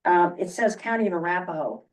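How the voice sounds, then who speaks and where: A woman at a public board meeting who asks questions in a hesitant, halting way. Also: lowish voice. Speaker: board member. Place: meeting room. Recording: distant meeting-room mic.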